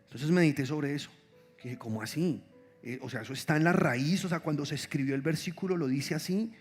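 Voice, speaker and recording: A man preaching a sermon as pastor, conversational and animated, asking the congregation many rhetorical questions. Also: on the high side, fairly quick, husky, faint music behind. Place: church.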